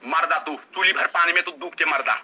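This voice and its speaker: A man's voice: on the high side, a little fast, bright, forceful tone, slight background noise. A man ranting insults in a heated online live argument, repeating the same lines again and again. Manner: repetitive insulting rant. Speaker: live-stream participant.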